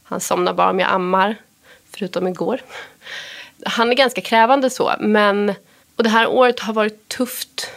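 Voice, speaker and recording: A woman's voice: medium pitch, steady tone, creaky, fairly bright tone. A woman in her thirties from Sweden, a podcast guest telling a personal story with feeling. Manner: emotional, quotes others in a retelling voice.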